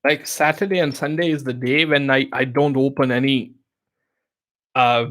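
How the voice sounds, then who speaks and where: His mid-range voice is fairly bright, moving at a moderate pace with fairly even intonation. The man, a first-language Urdu speaker, hosts a live Q&A giving relaxed business advice in loose English phrased in a non-native way. Chatty and full of fillers and restarts, he regularly asks "you know what I mean".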